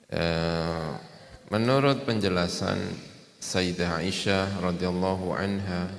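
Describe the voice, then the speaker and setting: A deep-voiced man, going over each point twice and dropping small asides as he talks. His voice rings out through a large echoey hall, with a long tail of reverb. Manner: repeats key phrases, gentle asides with "ya". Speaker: Islamic preacher. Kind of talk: sermon.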